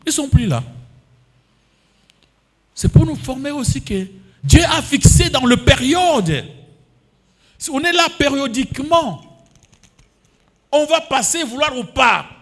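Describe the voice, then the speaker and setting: A man in his fifties preaches with a Congolese French accent, his high voice leaping up and down in pitch. He punctuates the sermon with alleluias and amens and slips into Lingala. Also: sing-song, takes it slowly, pauses often. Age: 50s. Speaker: pastor.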